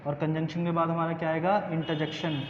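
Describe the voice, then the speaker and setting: A male grammar teacher talks slowly through pronunciation drills and keeps repeating his own questions to the class. His voice sits high for a man. The recording is dull and lo-fi, with faint noise behind it. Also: little pitch movement, echoey room, big-room sound. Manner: repeats questions to the students and answers them himself; slow, drawn-out pronunciation drills.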